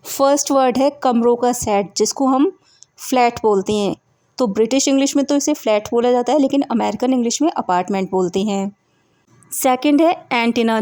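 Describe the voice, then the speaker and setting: A woman teaching English vocabulary to Hindi speakers, explaining each word slowly and clearly with repeated examples. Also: on the high side, a little mellow, no echo.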